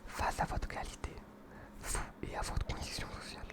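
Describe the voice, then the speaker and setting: In a brisk but hushed, breathy library whisper, a young man presents books in an ASMR style that feels informal, earnest, and a little hesitant.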